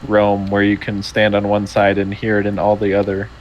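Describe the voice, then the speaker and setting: A man's voice: lowish voice, monotone, moderate pace, muffled recording, a little hiss or hum. A man player chatting casually at a tabletop game, rambling and joking.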